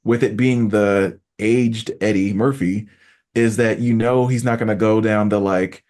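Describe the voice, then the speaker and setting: A man's voice: on the low side, unhurried. A man hosting a casual podcast chat, talking animatedly and acting out quotes to make his points. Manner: animated, acts out quotes when making a point. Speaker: podcast host.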